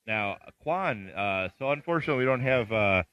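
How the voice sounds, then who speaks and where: A man co-hosting a casual sports podcast, rambling with many pauses. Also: mid-range voice, lively intonation, smooth, dry recording, lo-fi sound. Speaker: podcast co-host.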